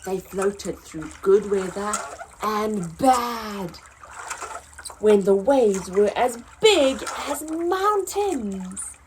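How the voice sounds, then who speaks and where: Over some background noise, a woman with a mid-range voice reads aloud from a picture book for young children. She hosts story time with an expressive, deliberate delivery, lingering on words.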